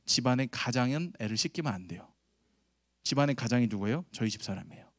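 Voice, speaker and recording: A man in his thirties preaching a lively sermon to middle schoolers, telling a family story and asking the audience questions. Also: medium pitch, fast, no echo, studio quality. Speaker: youth pastor. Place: church sanctuary.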